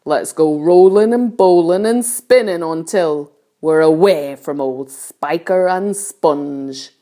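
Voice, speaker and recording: A woman's voice: low voice, slow, dark tone. A woman voicing a boisterous, gleeful male centipede in a storybook, exuberantly declaiming in rhyming verse. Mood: gleeful, theatrical.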